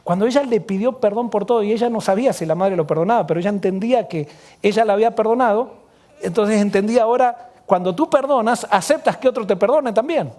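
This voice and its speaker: High-voiced Rioplatense pastor preaching softly. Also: male voice, quick pace. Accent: Rioplatense Spanish. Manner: earnest, drops to soft hushed tones when quoting. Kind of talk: sermon storytelling.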